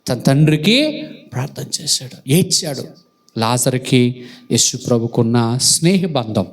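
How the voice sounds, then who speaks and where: A male pastor preaching a sermon, asking the congregation questions and acting out loud calls. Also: mid-range voice, very animated, unhurried. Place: church hall.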